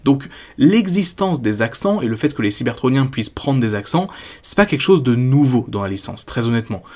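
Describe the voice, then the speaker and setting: A man's voice: medium pitch, sing-song, a little fast, darkish tone. A man delivering a scripted, critical and sarcastic video-essay commentary as a film critic.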